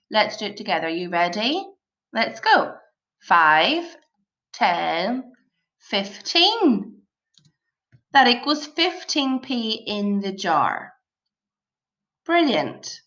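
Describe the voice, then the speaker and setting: A woman teacher presenting a children's lesson like a kids show host, encouraging and full of praise, asking questions and pausing for answers. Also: medium pitch, pushed and bright, muffled recording. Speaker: primary school maths teacher.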